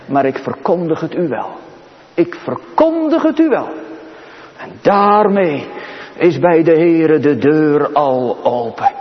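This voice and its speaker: A man preaching a sermon to his congregation, solemn, rising to exclamations and dropping to hushed pleading. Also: a little high. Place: church. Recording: dull recording with long church reverb.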